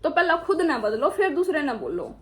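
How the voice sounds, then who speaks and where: A woman's voice: high-pitched, sing-song, normal speed, a little hiss or hum. A young woman with a Haryanvi accent telling her personal story and earnestly appealing to viewers in a vlog monologue. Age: young adult. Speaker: vlogger.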